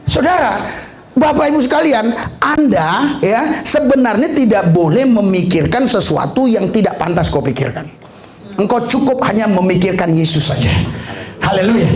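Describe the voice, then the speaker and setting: A man preaching a lively sermon, animated, breaking into shouts and laughter, with frequent hallelujahs. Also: high voice, roomy sound, a little hiss or hum.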